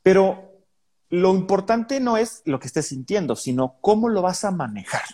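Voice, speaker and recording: A man's voice: high-pitched, animated, moderate pace, mellow. A man with a Mexican accent co-hosting a casual podcast, explaining points and often agreeing with "exactamente". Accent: Mexican Spanish. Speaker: podcast co-host.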